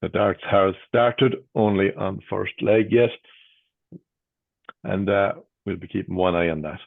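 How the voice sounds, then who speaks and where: An Irish man working as a bingo caller, announcing numbers in traditional call phrases with a measured sing-song delivery. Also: low voice, steady tone, gravelly, dry recording. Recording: tinny phone-like band-limited sound.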